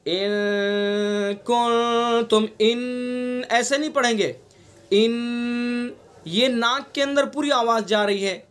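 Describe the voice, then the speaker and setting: A man with a Delhi Urdu accent leads an online class on Quran recitation. His voice sits high and he moves at a slow, deliberate pace. He repeats each example patiently, drawing the nasal sounds out long. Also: a bit bright, clean tone. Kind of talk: online tajweed lesson. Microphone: online class recording.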